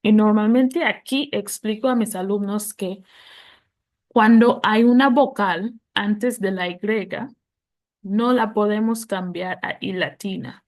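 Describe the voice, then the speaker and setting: Slow, patient woman teaching English plurals. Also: medium pitch, a little mellow. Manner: patient, spells out letters, models English words slowly. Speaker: English teacher for Spanish speakers. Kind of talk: explaining plural noun rules.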